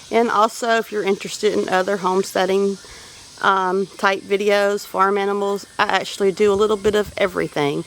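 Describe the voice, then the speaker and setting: Out on her farm, a woman from Louisiana who vlogs about homesteading chats casually and practically as she walks, her Southern accent clear. She sounds folksy, down-to-earth, and practical, with a mid-range voice. The recording is rough, with a little hiss or hum.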